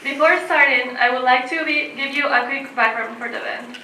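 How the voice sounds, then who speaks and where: A young woman from Ecuador hosting a college event as emcee, speaking formally with some halting pauses. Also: high-pitched, sharp tone, slight background noise. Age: young adult. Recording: roomy echo, distant from mic.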